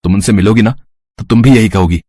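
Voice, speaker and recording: Husky-voiced man in cartoon dialogue. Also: fairly low pitch, fast talker, warm tone, dry recording, studio quality. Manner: playful, stammers when flustered. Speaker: voice actor for several male figures.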